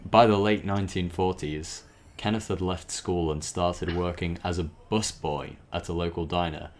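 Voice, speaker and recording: In a low voice with fairly even intonation and a normal pace, a host gives a casual dramatic reading of a backstory. He occasionally stumbles and breaks off to make chatty remarks.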